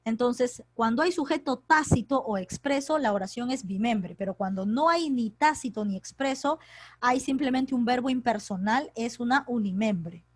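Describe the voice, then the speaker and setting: A woman's voice: a little high, moderate pace, no echo. A woman teaches an online grammar class, explaining step by step and checking in with her students.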